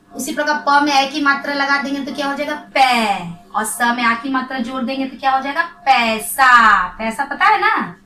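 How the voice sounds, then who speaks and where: A woman teaching a children's grammar lesson, drawing out syllables slowly and answering her own questions. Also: high-pitched, fairly bright tone, echoey room, low-quality recording.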